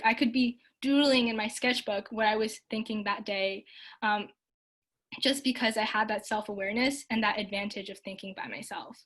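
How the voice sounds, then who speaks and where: A woman's voice: a little high, fairly bright tone. A young woman from Canada giving a casual online talk and answering audience questions, her speech full of likes and ums. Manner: frequent likes and ums, upbeat and earnest.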